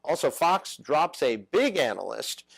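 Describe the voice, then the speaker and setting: A man's voice: a little high, very animated, gravelly, breathy edge, dry recording, rough recording. A man hosting a political talk show, stopping often with "uh" between phrases. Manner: halting, many "uh" fillers.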